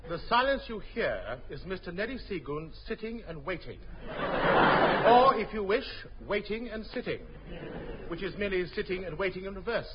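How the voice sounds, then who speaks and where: An actor as a dry, formal announcer giving deadpan scripted narration in an old radio comedy. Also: male voice, high-pitched, moderate pace. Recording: muffled, noisy old radio recording.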